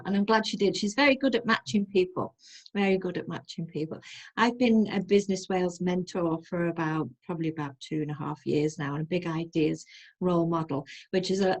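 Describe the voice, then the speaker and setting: A middle-aged woman hosting an interview, upbeat and encouraging, often going softer at the ends of phrases. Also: on the low side, a little fast. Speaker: host, wellbeing coach. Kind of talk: hosted interview chat.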